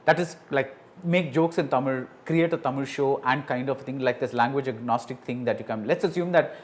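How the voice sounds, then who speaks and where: A man's voice: mid-range voice, brisk. A man hosting an interview, asking long questions with many restarts and often murmuring agreement. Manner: frequent affirming "right", hesitant restarts. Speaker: interviewer, film critic host.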